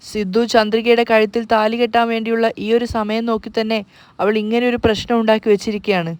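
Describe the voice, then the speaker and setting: A woman voicing a troubled older man, head of the family, speaking slowly with worry. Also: a little high, level tone, darkish tone, smooth, no echo, lightly acted. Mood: worried. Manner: slow, worried.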